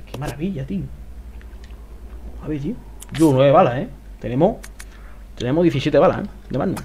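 Man, let's play commentary, cursing, excitable, mid pitch, faint hiss behind. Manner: swears a lot and talks to himself, excitable outbursts. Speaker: gameplay commentator.

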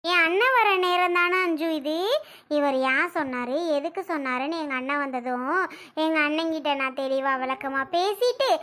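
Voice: high-pitched, moderate pace, pushed and bright. A performer playing an angry, proud middle-aged sister-in-law who keeps firing accusing questions in a family drama skit. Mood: indignant. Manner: accusing, demanding, repeats her questions.

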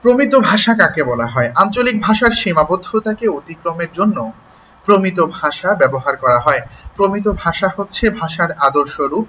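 Guy teaching an online class, fairly high bright voice, keeps asking "ok?", faint noise behind. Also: animated, poor audio. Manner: explains slowly, checks in with "ঠিক আছে?"; spells out sounds syllable by syllable.

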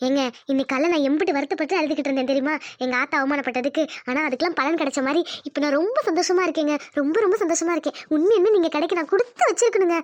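A woman's voice: high-pitched, very fast, few pauses, no room sound, natural voice. A woman voicing a sweet, coy young village wife, cooing and affectionate in a cartoon.

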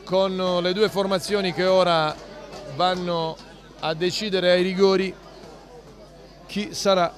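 High-pitched male football commentator. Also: slow pace, long pauses. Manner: excited, dramatic goal calls that build to shouts. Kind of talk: live Italian football commentary. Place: outdoor football ground. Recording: outdoor stadium with crowd and music behind. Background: crowd and music.

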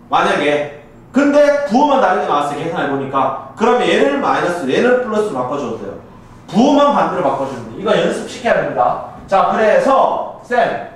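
A man with a Gyeongsang Korean accent teaching a math class, recorded on a camcorder in a classroom, who walks through each step and keeps checking that the students follow. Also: high voice. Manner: checks in with students after nearly every step. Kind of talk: classroom lecture. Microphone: camcorder in the room. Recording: echoey classroom from far off, faint hiss.

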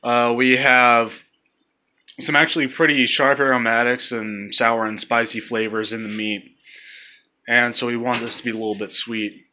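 A man's voice: medium pitch, fairly even intonation, normal speed, bright, forceful tone, highs cut off. A young man chatting casually and jokingly as he films in a home kitchen. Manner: joking, crude. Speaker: co-host filming the cooking. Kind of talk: casual, profane banter. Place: small home kitchen, indoors. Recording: faint noise on handheld kitchen recording.

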